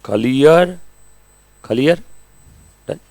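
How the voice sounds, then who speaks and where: A chatty, teasing male teacher addresses a live class, slipping into speech. His voice sits a little high for a man. The recording is dry and close, little room sound. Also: expressive, extremely slow, dark tone, no echo. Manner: chatty, teasing, calls students beta and munna. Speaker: accounting teacher.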